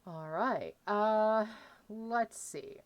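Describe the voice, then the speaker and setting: A woman doing casual let's-play commentary, reading choices aloud and thinking out loud. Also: medium pitch, extremely slow, a little hiss or hum. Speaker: gaming streamer playing a dating game.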